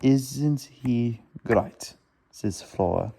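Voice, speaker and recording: Reading a children's storybook at a slow pace, a man with a soft, mellow voice of medium pitch sounds creaky and husky, yet his intonation is lively. He struggles through the text haltingly, often tripping up and going back to correct words.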